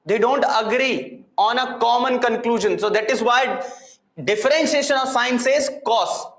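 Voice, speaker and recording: A high-pitched man with an Indian accent teaches a live lesson in an echoey room. He repeats key points with emphasis and often puts questions to the class that he then answers himself. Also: normal speed, a bit bright. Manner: repetitive, emphatic, asks and answers own questions. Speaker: physics and maths teacher. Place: indoor room with echo.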